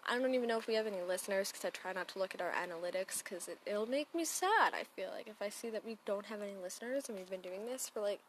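A woman's voice: medium pitch, quick pace, hardly any pauses, a little hiss or hum. A young woman hosting a podcast alone, chatting casually in a rambling, self-deprecating way full of fillers, recorded at home. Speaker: podcast host. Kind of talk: casual solo podcast chat. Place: home, sprinklers outside.

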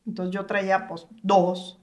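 A woman's voice: mid-range voice, little pitch movement, measured pace. A woman chatting casually, explaining things through her own experience. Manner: explanatory, personal storyteller. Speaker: podcast co-host. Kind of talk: casual group chat.

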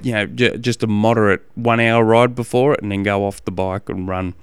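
Smooth low-voiced Australian man, halting. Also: steady tone, no echo. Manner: halting, repeating phrases as he explains. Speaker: endurance coach and podcast host. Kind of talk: casual advice podcast talk.

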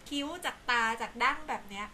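A woman who teaches acting, telling stories in a relaxed podcast chat in a lively, expressive way. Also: fast talker, a little hiss or hum. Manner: animated storytelling, lively and expressive. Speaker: acting teacher and stage director.

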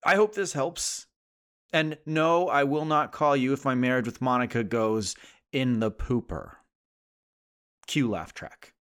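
Man reading as a sarcastic sitcom guy, earnest poem letter, mid pitch, rises on refrains. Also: a little slow, fairly bright tone, clear, resonant tone, close to an everyday voice. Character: sarcastic adult male sitcom character writing an earnest letter.

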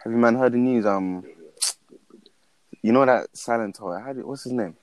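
A man's voice: medium pitch, moderate pace, darkish tone, no room sound, poor audio. A young man in his late teens with a London roadman accent, hosting a podcast in casual, slangy banter with friends. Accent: London, urban roadman slang style. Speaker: podcast host.

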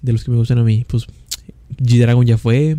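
A man's voice: medium pitch, flat delivery, moderate pace, mellow, no echo. A man with a northern Mexican accent co-hosting a podcast in casual chat, slangy and rambling, often repeating himself. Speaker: podcast co-host.

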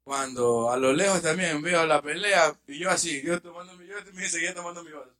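A man's voice: a little high, a little fast, a bit bright. A young man, telling a story on a podcast in a rambling, hesitant way. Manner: rambling, hesitant, with fillers and repeats. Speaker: podcast co-host. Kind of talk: casual storytelling among friends.

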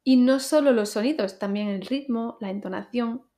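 A woman hosting a pronunciation podcast, teaching learners in a clear, deliberate way and speaking directly to the listener. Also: fairly high pitch, warm tone.

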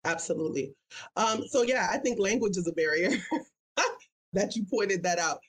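A woman speaks as an interview guest. She is candid and conversational, at a middle pitch, thinking her answers through aloud. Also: animated, normal speed, husky. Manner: candid, chuckles between phrases. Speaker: interview guest, public health educator.

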